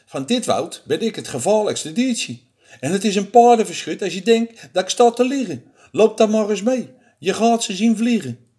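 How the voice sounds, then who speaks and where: A man's voice: sits high, animated, normal speed, darkish tone, slightly rough, pitched above the performer's own voice. A man voicing a small, clever, boastful mouse in a storybook reading, talking in a cheeky, bragging way.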